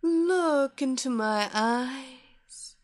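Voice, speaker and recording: A woman voicing a commanding, seductive female hypnotist who draws her listener into her power with a slow, soothing, repetitive cadence. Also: high-pitched. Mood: hypnotic, commanding. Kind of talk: hypnosis story reading.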